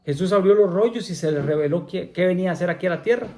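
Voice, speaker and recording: A man's voice: high voice, very fast, dark tone, a little hiss or hum. Man preaching in church, keeps saying amen and repeating himself, throws questions at the congregation. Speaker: pastor. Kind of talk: sermon.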